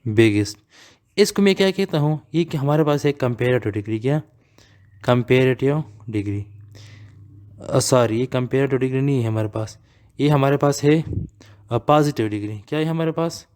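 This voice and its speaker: A male English grammar teacher giving a lesson, asking himself questions and repeating key words, reading examples out slowly. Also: medium pitch, a little mellow. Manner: asks and answers his own questions, repeats key words.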